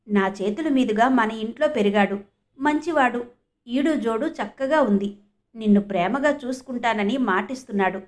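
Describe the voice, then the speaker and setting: A woman reading the part of a gentle middle-aged mother who speaks in a soothing, coaxing way. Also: fairly high pitch, natural voice.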